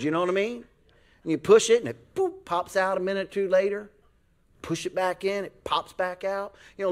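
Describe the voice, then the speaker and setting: A middle-aged American man preaching a folksy, animated sermon as a pastor, acting out voices in his stories. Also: sits high. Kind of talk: sermon with storytelling.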